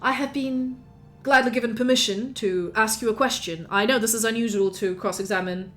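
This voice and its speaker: A woman's voice: on the high side, brisk, a bit bright, soft background music, natural voice. A woman voicing an overly courteous male court questioner. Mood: formal polite.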